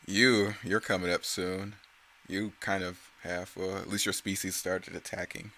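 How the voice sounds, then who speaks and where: Over loud music, a man speaks unhurriedly in a low voice with little pitch movement. He's casually discussing the motion comic series he created, talking off the cuff, drifting between thoughts and correcting himself.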